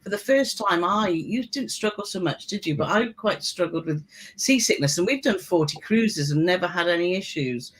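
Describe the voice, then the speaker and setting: This British woman, a guest cruise vlogger, chats on a relaxed live stream, frequently using tag questions to get her husband to agree. Her voice is lowish and animated with a breathy edge, at a moderate pace.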